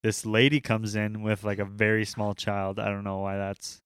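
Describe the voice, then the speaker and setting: A man's voice: lowish voice, level tone, normal speed, a bit bright, clear, resonant tone, no echo. A man in casual chat, talking loosely with slang and swearing.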